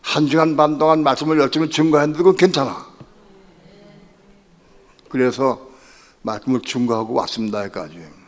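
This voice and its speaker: A man's voice: medium pitch, fairly even intonation, fairly quick, long pauses. Male pastor, mid-range voice, conversational sermon that swells into pleading prayer, long church reverb. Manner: retells his own prayers with rising, pleading intensity; conversational, repeats phrases. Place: church sanctuary.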